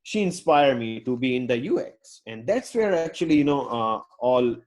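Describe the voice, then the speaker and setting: This is a man from Pakistan, a UX designer whose fourth language is English, giving a loose, sociable talk online with many fillers and false starts. He has a medium pitch with big swings, a normal pace, and a slightly mellow sound.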